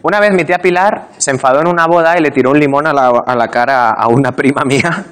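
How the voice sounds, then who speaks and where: A man in his twenties from Murcia, a guest on a talk show, telling stories in a lively, casual way. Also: on the high side, quick pace, clear, resonant tone. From Murcia, Spain. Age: 20s. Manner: animated storytelling. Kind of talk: casual chat.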